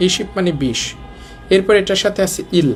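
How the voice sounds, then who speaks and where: A man's voice: sits high, expressive, moderate pace, faint music behind. A man with a colloquial Dhaka Bengali accent teaching a Korean lesson, explaining step by step and asking the class rhetorical questions. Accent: Bangladeshi Bengali, colloquial Dhaka speech.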